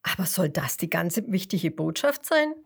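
In a storybook read-aloud, a woman voices a young female hippo convinced she is a horse, sounding puzzled, plaintive, and often half-whispering. Her delivery is heavily acted and sing-song at normal speed, in a fairly low, creaky, husky voice.

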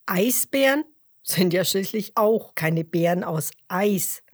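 A woman voicing a cheerful, self-assured young male hare in a children's story, speaking with lively confidence. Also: mid-range voice, slow, no echo, clean studio sound. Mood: confident.

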